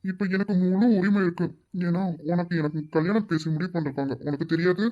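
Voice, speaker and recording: A woman's voice: fairly low pitch, brisk, warm tone, dull audio, close to an everyday voice. A woman voicing a lecherous, pampered young man who taunts and leers at a servant's daughter. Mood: leering. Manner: leering, taunting.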